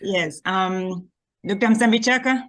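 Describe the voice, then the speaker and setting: A woman's voice: medium pitch, measured pace. A woman hosting an online meeting, introducing each participant in turn with frequent hesitations. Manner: warm, informal introductions with hesitations. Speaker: meeting host. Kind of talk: video call introductions. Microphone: video call.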